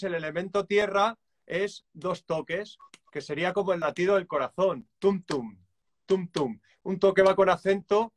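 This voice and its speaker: Calm man explaining drum rhythms. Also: a little high. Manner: calm and reflective, hesitant restarts, counts beats aloud. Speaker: guest musician and drummer.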